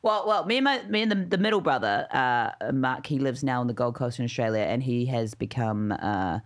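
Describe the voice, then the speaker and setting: A woman's voice: a bass voice, lively intonation, brisk. Woman, podcast guest, casual chat, chatty storyteller, frequent laughs, filler words.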